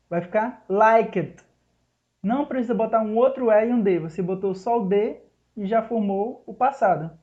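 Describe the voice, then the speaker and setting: A man teaching an English lesson in Portuguese, explaining each rule step by step and slowing down to spell out the English examples. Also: high voice, warm tone. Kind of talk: recorded online lesson. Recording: dull lo-fi recording.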